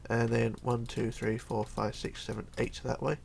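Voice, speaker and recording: A middle-aged tutorial host, hoarse with a cold, chats his way through a casual game build tutorial at his home computer desk, counting blocks aloud and often mumbling. His mid-pitched voice barely moves in pitch, keeps a normal speed, and has vocal fry with a slightly mellow tone. There's a little background noise.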